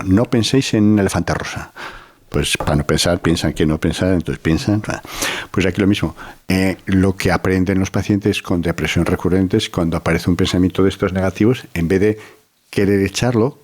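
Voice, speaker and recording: Deep husky-voiced man. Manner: reflective, many "¿no?" tags and restarts. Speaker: psychiatrist guest. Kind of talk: calm explanatory interview talk.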